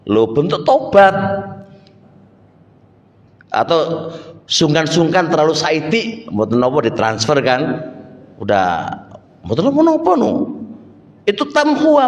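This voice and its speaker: Middle-aged male preacher, East Javanese accent, lively folksy delivery, somewhat high voice, roomy reverberant mosque recording. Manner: lively, folksy, mixes Javanese asides and rhetorical questions. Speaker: religious teacher. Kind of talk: mosque study-circle sermon. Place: mosque hall. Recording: echoey mosque hall with long reverb.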